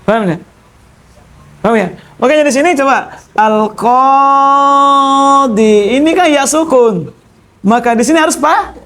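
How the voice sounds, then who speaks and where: A male teacher lectures in a classroom, going through each rule step by step. He speaks slowly and keeps checking whether his students have understood. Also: very high-pitched, fairly bright tone. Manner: explains step by step, repeating key terms. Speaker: Arabic grammar teacher.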